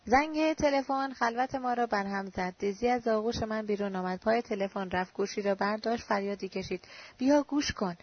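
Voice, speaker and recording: A woman narrates a literary audiobook with measured, steady reading. Her voice sits at a middle pitch for a woman. The recording sounds dull and lo-fi.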